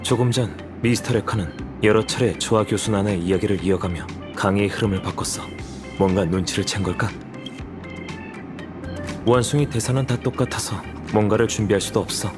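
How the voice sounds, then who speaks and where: A man's voice: fairly low pitch, fairly quick, over music, lightly acted. A man playing a wary, brooding character thinking aloud in a video game. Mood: suspicious.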